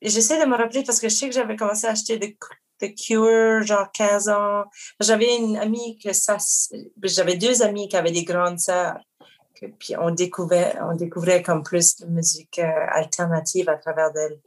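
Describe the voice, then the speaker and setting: A woman with a Québécois French accent talks casually as a guest musician. She rambles, restarts her sentences and fills pauses often. She drops English words into her French. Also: mid-range voice, flat delivery. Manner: rambling, frequent fillers and restarts. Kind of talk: casual chat.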